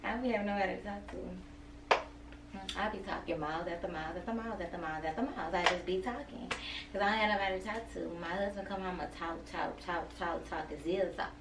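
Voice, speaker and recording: A woman's voice: lowish voice, quick pace. A woman, chatting casually and playfully to her viewers. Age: 20s. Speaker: vlogger. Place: home room. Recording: roomy, from a distance, faint noise.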